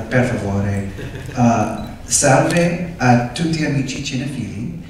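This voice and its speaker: Echoey, distant man with English-accented Italian. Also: mid-range voice. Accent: English-speaking accent in Italian. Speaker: film director and screenwriter. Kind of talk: prepared greeting to an audience. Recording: very echoey, distant, noisy room.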